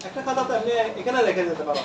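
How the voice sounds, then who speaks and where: A man's voice: sits high, animated, rapid-fire, background noise. A male teacher lecturing a classroom, repeating terms and quizzing his students. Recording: echoey room from far off.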